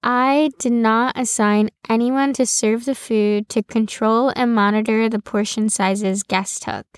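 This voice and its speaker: Female podcast host, slow measured personal narration, slightly high voice, dry close sound. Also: steady tone, clear, resonant tone, no room sound. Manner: slow, deliberate storytelling.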